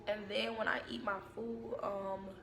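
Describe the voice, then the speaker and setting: A young American woman chatting casually to camera at home, telling stories in an informal, unhurried way. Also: mid-range voice, little pitch movement, vocal fry, crowd noise. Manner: informal, unhurried storytelling with repeated phrases. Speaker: vlogger and mother. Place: indoors at home. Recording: echoey room with background noise.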